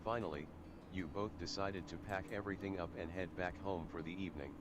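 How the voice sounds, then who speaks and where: A man's voice: sits low, fairly even intonation, fairly quick. A synthetic text-to-speech voice of an older man, reading a game's narration and dialogue aloud in one mechanical way. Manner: reads everything in one mechanical way, lines and narration alike. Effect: text-to-speech screen reader voice. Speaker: game text reader. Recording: synthetic voice with clear background noise.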